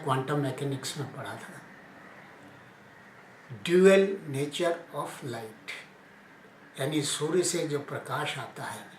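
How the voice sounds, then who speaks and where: A man giving an informal spoken lesson, explaining ideas slowly and sounding out letters aloud one by one. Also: a little high. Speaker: teacher explaining Hindi phonetics. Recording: echoey room with faint ambient noise.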